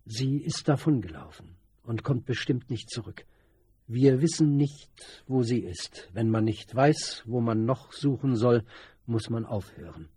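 An urgent, commanding boy who leads a street gang, read by a man. The voice is husky and dark. It is recorded close and dry. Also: mid-range voice, unhurried, dry recording. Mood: grave.

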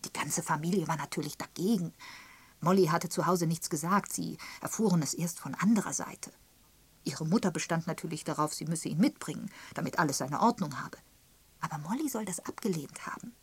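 A woman reading the part of a gossiping, sharp-tongued spinster in an audiobook, pointed and emphatic in tone. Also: sits low, brisk, slightly rough. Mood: gossipy. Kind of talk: audiobook character voice.

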